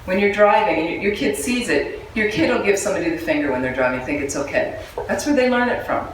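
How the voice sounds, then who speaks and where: A woman gives a relaxed, humorous Buddhist teaching and keeps turning questions back to her listeners. Her voice rings through a strongly reverberant room. She sits away from the microphone, with a faint murmur of ambience underneath. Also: mid-range voice, quick pace, far from the mic, a little hiss or hum. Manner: conversational, humorous, asks the audience questions. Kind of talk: dharma talk to a live group.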